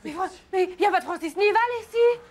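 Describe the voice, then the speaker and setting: Une actrice joue une réceptionniste guindée et troublée, qui bafouille. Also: female voice, very high voice, fast. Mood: stammering. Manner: stammering. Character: flustered, prim office receptionist woman.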